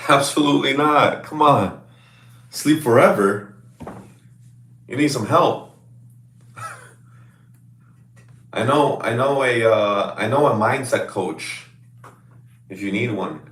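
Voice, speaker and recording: A man coaching clients over a video call, chatting casually with loud, excitable hype-man energy. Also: mid-range voice, drawn-out words, pauses often, echoey room, distant mic. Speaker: fitness coach.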